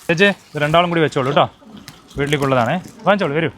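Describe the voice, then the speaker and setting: A man from Kerala, a handloom shop owner, talking casually in a loud, coaxing way and repeating his reassurances. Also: on the high side, racing, a little hiss or hum. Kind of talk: casual chat.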